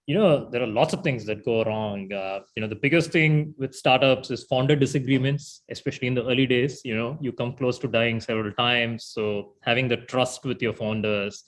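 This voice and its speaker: A man's voice: medium pitch, moderate pace, hardly any pauses. Man, founder talk. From India. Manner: thoughtful, fillers of "you know". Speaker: startup founder. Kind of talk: panel interview answers.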